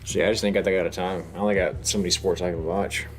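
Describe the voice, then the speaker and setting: A man co-hosting a sports podcast, talking casually, emphatic and excitable, with casual swearing. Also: deep voice, fast talker. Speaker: podcast co-host.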